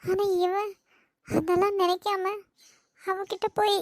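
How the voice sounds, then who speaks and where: A woman's voice: very high-pitched, little pitch movement, slow, no room sound, clean studio sound, pitched above the performer's own voice, exaggerated voice. A woman voicing a heartbroken, crying young woman in a cartoon, in Kanyakumari Tamil. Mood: tearful. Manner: tearful, pleading. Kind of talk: cartoon voice acting.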